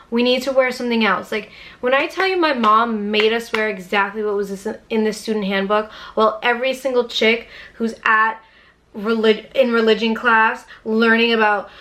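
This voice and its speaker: A woman's voice: on the high side, fairly bright tone. A young woman telling a storytime vlog to her camera, casual and chatty, swearing freely and filling with "um" and "anyways". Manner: casual, profane and chatty, with frequent fillers. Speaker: YouTuber. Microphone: camera mic, talking to camera.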